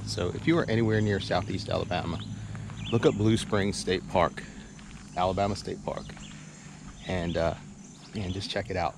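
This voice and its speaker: Out at a campground, a middle-aged man vlogs for his viewers in a relaxed, meandering chat, chuckling along the way. His low, gravelly voice holds a steady tone at normal speed with long pauses, while birds and insects sound in the background.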